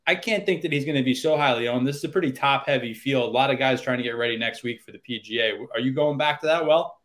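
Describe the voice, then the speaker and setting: A man's voice: mid-range voice, quick pace, a bit bright. A man with a middle-range voice hosts a casual golf betting podcast. He chats easily, throws in light wordplay and keeps putting questions to his co-hosts. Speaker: podcast host. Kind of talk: casual sports betting chat.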